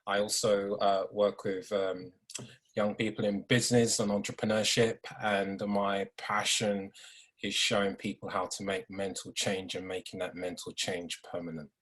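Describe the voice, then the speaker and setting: A man guest on a podcast speaks calmly and without fuss. His voice is husky and fairly low, and it stays on an even level. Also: normal speed. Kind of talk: podcast conversation.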